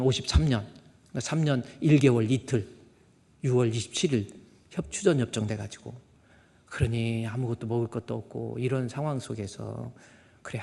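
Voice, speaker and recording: An older man delivers a sermon from the pulpit, his mid-pitched voice carrying through the long reverb of a church sanctuary. He preaches in a storytelling manner and acts out quoted people with sudden shouts. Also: creaky. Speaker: pastor.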